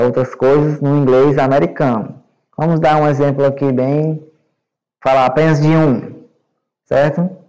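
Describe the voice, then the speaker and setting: Brazilian man teaching, slightly high voice. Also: darkish tone, rough recording. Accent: Brazilian Portuguese. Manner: repeats words and checks with "né?" and "certo?"; explains slowly and patiently to young students. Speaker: English teacher. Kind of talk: recorded online class.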